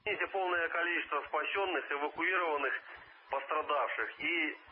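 A man's voice: on the high side, normal speed. A man, a firefighter crew leader, gives terse, formal reports over a two-way radio, using call signs and closing each transmission with "over". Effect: heard over a two-way radio. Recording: muffled radio transmission with faint hiss.

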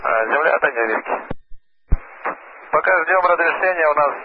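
Male pilot calling the tower over his cockpit headset radio, brisk and clipped, thin radio sound with static. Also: a little high, lively intonation. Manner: clipped, matter-of-fact radio phrasing. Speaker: airline pilot. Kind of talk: radio talk with air traffic control. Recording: tinny radio channel with static.

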